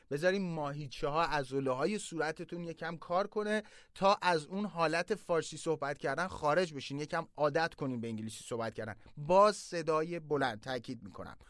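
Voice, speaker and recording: A man teaching English, patiently explaining and then slowly modeling phrases, emphatic about pronunciation. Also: on the high side, no room sound, studio quality. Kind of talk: language lesson.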